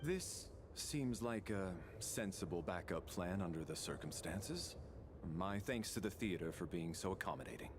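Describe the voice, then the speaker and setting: A man's voice: low-pitched, expressive, normal speed, background noise. An actor voicing a courteous, composed grown man in a game, polite and formal.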